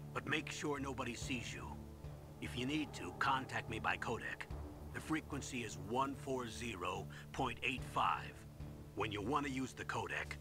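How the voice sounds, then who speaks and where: A stern older commander from a video game , played by a man, briefs with measured authority. His voice is medium in pitch, and loud music runs behind it. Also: close to an everyday voice. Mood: instructive. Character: stern older male military commander giving orders.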